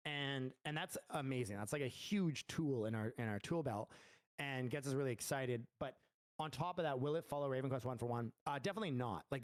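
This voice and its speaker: On a casual livestream, a game studio founder with a medium-pitched voice fields community questions, wandering through his answers with lots of fillers and restarts. The recording sounds dry.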